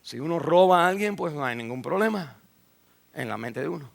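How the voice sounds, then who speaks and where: A man preaching a sermon as a pastor in a church, rising loud and high, then dropping low and quiet, with many fillers and repeated words. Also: animated, fairly quick, creaky.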